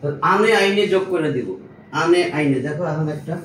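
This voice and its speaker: Speaking a little fast in a slightly high, somewhat bright voice, a man takes a small class through grammar step by step, checking they keep up. He's recorded from a distance in an echoey room with faint background noise.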